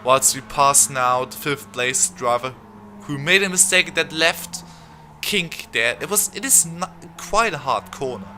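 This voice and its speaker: A young man, not a native English speaker, giving fast, rambling commentary over his own racing game footage. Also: a little high, animated, pushed and bright, soft background music. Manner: fast, rambling, chatty with many fillers. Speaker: sim racing channel host.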